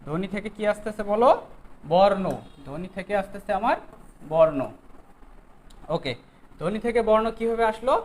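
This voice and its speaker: A teacher runs an exam-prep grammar lesson at a mid-range pitch. The teacher keeps putting questions to the students and checking that they have followed. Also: expressive, moderate pace, pauses often, low-quality recording. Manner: quizzes students, keeps asking "okay?".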